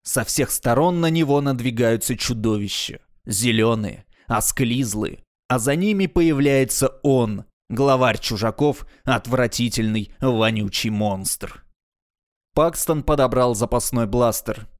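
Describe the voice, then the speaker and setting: A male narrator reads a science fiction story in a measured, expressive manner. His voice is middle-pitched for a man, steady and clear. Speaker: audiobook narrator. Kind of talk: audiobook narration.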